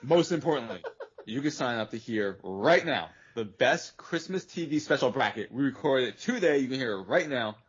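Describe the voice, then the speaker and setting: A man's voice: medium pitch, animated, moderate pace, husky. A man co-hosting a podcast in casual, profane, joking banter. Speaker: podcast co-host. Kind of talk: casual chat. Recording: slightly muffled podcast audio.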